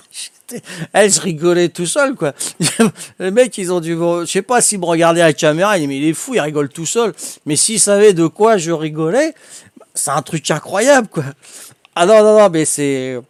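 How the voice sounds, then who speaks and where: An older man with a high, light voice tells stories to his stream in a rambling, chatty way, laughing often. His is clear, and the sound is close and dry, with no room echo. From Corsica. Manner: chatty, laughs often, full of fillers and repeats. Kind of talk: casual anecdote telling.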